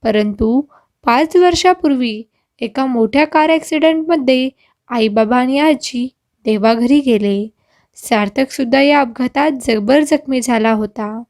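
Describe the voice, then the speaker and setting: A woman doing a calm, patient husband. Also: high-pitched, unhurried, no room sound, clean studio sound. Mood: somber. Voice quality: soothing, patient.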